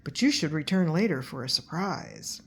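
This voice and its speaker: A woman's voice: medium pitch, big pitch swings, mellow. A woman voicing an officious male owl who guards a haunted house, hooting and challenging in a storybook reading. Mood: ominous. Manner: hooting, challenging, drawn-out calls.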